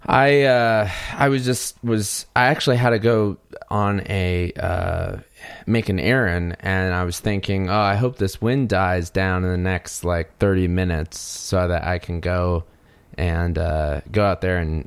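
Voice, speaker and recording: A man with a low, smooth, resonant voice speaks slowly and hesitantly, leaning on fillers as he tells a story in a casual podcast chat. He is recorded dry and close, with no room sound. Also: fairly even intonation, no echo. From United States. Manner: measured and hesitant, many fillers, dry chuckles. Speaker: podcast co-host, audio circuit designer.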